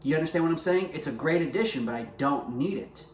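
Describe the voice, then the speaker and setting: Talking straight to his viewers, a man gives his personal faith testimony to camera in an earnest, conversational way. He speaks fast with a fairly high voice and lively intonation. Roomy echo, faint ambience and a little hiss or hum color the recording.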